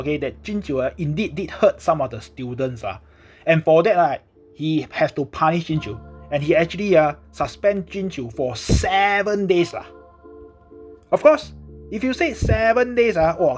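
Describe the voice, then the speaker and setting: A man with a Singaporean accent telling a story recap casually in Singlish, animated and exclamatory, peppering it with lah and ah. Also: on the high side. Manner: Singlish phrasing with frequent lah and ah particles. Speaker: drama recap narrator. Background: background music.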